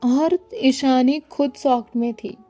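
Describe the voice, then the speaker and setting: A woman storyteller narrating with drama, dropping into whispers at tense points. Her voice is mellow and fairly high. Faint music runs beneath the narration. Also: steady tone, takes it slowly.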